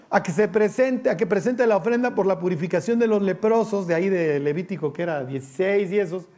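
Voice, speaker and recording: A man preaching a sermon, asking his listeners questions and acting out the voices he quotes. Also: sits high. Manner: animated, asks the congregation questions and acts out quoted voices.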